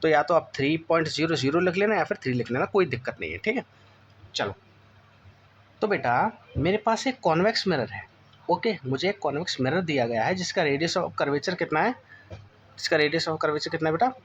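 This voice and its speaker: A man coaching class ten students in physics, his fairly high voice carrying a frequent "okay?" as he checks that they follow. He reads English textbook lines slowly and deliberately, with an Indian English accent. The recording is slightly dull, with a faint hum behind him. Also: expressive. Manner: addresses students as beta, repeats "theek hai" often; asks students rhetorical check questions. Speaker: physics tutor. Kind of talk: board-exam coaching lesson.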